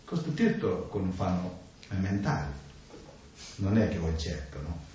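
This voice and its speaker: A man giving an informal talk on the mind, speaking in halting, simple phrases and often checking in with a questioning "no?" after his points. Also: low-pitched, big pitch swings, warm tone. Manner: halting, simple non-native grammar, keeps adding "no?". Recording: echoey room, distant mic, faint noise.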